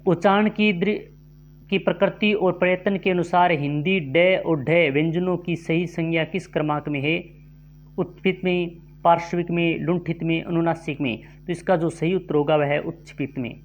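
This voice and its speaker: A man with a somewhat high voice leads an exam-prep grammar lesson. He reads multiple-choice questions and their options aloud. Then he explains each answer at an unhurried, deliberate pace. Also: fairly even intonation, muffled recording. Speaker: teacher.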